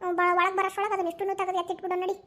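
A woman playing a fussy grandmother, high and rapid. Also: level tone, pushed and bright. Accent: North Karnataka Kannada. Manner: chiding yet coaxing, fast. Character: fussy doting grandmother, mother-in-law. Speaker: cartoon voice actor. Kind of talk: cartoon voice acting.

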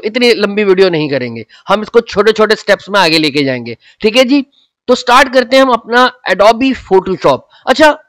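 A young man teaching a software tutorial in a casual, chatty way, often saying "okay" and a polite "sir" as fillers. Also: sits high, dry recording. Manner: chatty, repeats "ठीक है" and "जनाब" often. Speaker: Photoshop instructor. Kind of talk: casual tutorial with screen walkthrough.

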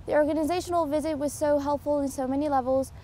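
A woman's voice: sits high, fairly even intonation, fast talker, warm tone, slight background noise. A teenage girl from Algeria, interviewed outdoors under a pergola, speaking eagerly with fillers. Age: teens. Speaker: student interviewee.

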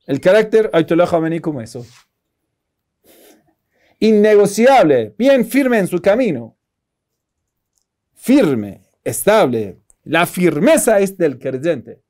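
A man's voice: high-pitched, very animated, slow pace, pauses often, a little mellow. A man giving a religious lecture, preaching emphatically and rising sharply on key words, with Arabic verses recited in a chanting tone.

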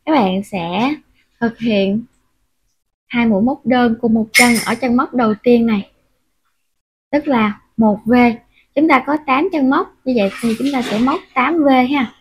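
A woman's voice: fairly high pitch, measured pace, slightly rough. A woman teaching a crochet tutorial step by step, patiently counting stitches aloud with frequent filler sounds. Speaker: crochet instructor. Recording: dull, muffled lo-fi audio.

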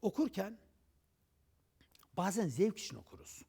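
A man's voice: sits high, a little slow, gravelly, husky. A man hosting a TV program on education, lecturing with strings of rhetorical questions. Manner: lively, rhetorical questions in long runs. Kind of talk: motivational lecture on TV.

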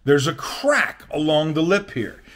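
A man's voice: on the high side, very animated, measured pace, fairly bright tone, soft background music. An older man narrating a boat repair how-to in a plainspoken, matter-of-fact way in an indoor workshop, filming himself up close. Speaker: boat restoration vlogger.

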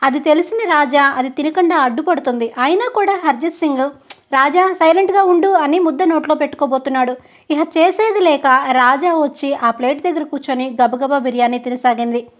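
A woman narrating a story in a plain, steady storytelling manner. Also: sits high, a little fast.

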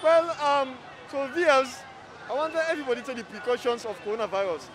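A man's voice: extremely high pitch, fast, a crowd in the background. A man with a Sierra Leonean Krio accent speaking through a face mask outdoors in a street interview, often checking in with "you understand?".

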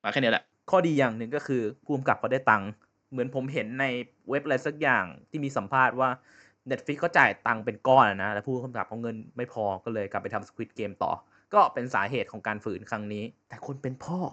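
A man's voice: medium pitch, fast, fairly bright tone, dull audio. A man giving a casual spoken review on his channel, ranting with exasperated rhetorical questions in loose, slangy talk. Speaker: vlogger reviewing a series.

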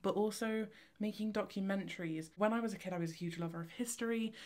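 A young woman from Cornwall with a Cornish accent, chatting to camera in a fast, chaotic, excitable vlog ramble. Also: medium pitch. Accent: Cornish English. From Cornwall, England. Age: young adult. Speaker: vlogger, photography student. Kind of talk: casual vlog chat to camera. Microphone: camera on tripod.

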